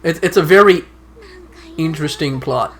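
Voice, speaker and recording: A man co-hosting a casual video game stream, eager and quick to laugh, often stumbling over restarts. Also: a little high, a bit bright. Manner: enthusiastic, laughs a lot, stammers on restarts. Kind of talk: casual gaming stream banter.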